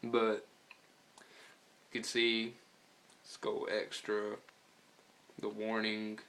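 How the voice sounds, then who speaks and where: An American man with a fairly low voice talks around a lip packed with dip. He rambles in a laid-back, casual way, swearing freely as he reviews and tells stories, with some throat-clearing. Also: monotone, very slow, bright, forceful tone. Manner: talking with lip full of dip. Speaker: product reviewer and storyteller. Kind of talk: casual profane vlog chat.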